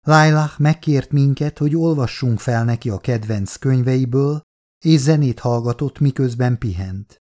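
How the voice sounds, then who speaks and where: A man narrating a novel in the first person, in a calm, measured way. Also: mid-range voice. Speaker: audiobook narrator.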